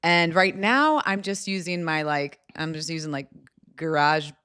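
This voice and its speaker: Raspy low-voiced woman chatting on a live stream. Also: unhurried, pushed and bright, no echo, clean studio sound. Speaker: co-host. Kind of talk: live selling stream chat.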